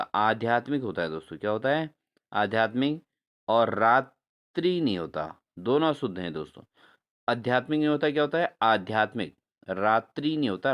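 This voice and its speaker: An exam-prep teacher runs a spelling lesson, spelling words out slowly syllable by syllable. He repeats each answer back to his viewers as a question and addresses them as friends, speaking in a mid-range, fairly bright voice.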